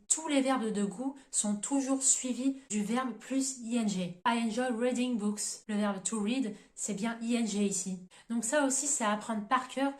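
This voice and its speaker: A woman teaches a grammar lesson in a methodical, step-by-step way, spelling out letters and slowing down for each example sentence. Her voice sits a little high. The room adds a clear echo around her words. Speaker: English teacher on her own channel.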